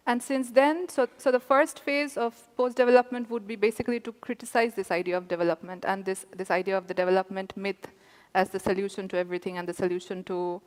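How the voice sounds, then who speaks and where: A woman speaking on a conference panel, explaining with repeated restarts. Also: medium pitch. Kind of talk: academic panel talk. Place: conference hall. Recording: reverberant hall.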